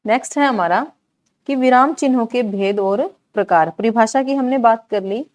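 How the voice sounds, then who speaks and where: In a grammar lesson for exam prep, a woman poses questions to the class and then answers them herself, slowly repeating the key words. Her pitch is fairly high and her tone somewhat dark.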